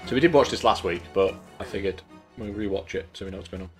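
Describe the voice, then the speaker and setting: A low-voiced man in his thirties chats quickly over music while streaming a game at home, congested and losing his voice. The casual live-stream talk is rambling and chatty, full of jokey asides.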